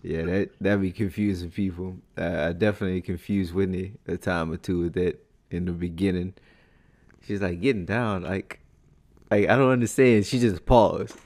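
A man's voice: low-pitched, steady tone, moderate pace, a little mellow. A man with a Louisiana Creole accent chatting casually as a co-host, slangy and profane, with laid-back phrasing. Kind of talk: casual chat.

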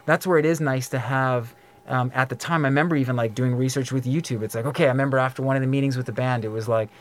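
A middle-aged man talks quickly and freely on a casual podcast. He fills his sentences with "like" and "um." He slips into quoted voices as he tells a story, at an average pitch for a man. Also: steady tone. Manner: frequent fillers like "like" and "um". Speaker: podcast host.

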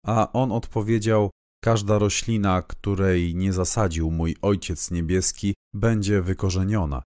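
A man reading scripture aloud in a measured, even, solemn way. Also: low-pitched, no room sound, studio quality. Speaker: Bible reader.

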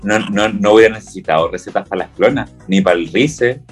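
A man's voice: on the low side, fairly quick, soft background music. A man with a Chilean accent chatting casually, rambling and joking in a campy way. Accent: Chilean Spanish. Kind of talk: casual chat.

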